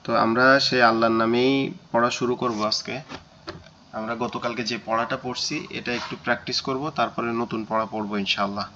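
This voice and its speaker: A man's voice: mid-range voice, steady tone, normal speed, sharp tone, slight background noise. A man teaching a Quran reading class, explaining vowel marks and drilling syllables, repeating each word three times. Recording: slightly dull lo-fi recording.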